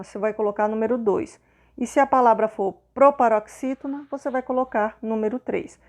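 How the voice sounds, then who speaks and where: A woman teacher with a Brazilian accent, patiently explaining schoolwork and often checking in with her pupils. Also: a little high. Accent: Brazilian Portuguese.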